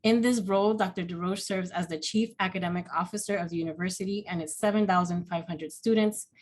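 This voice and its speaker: Woman, slightly low voice, formal panel moderator, reads from notes, frequent ums. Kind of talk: formal event introduction.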